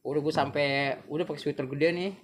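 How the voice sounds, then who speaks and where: A young man, a guest telling a story in a casual interview, animated and full of street slang. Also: a little high, brisk. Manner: animated slangy storytelling, acts out quoted voices.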